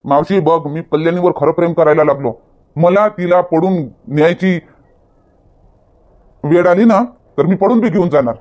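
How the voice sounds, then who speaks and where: A man's voice: a little high, normal speed, long pauses, darkish tone, muffled recording, lightly acted. A young man playing a lovestruck village youth who defiantly insists on marrying his girl, speaking with a Marathi accent in a comedy sketch. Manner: earnest and defiant.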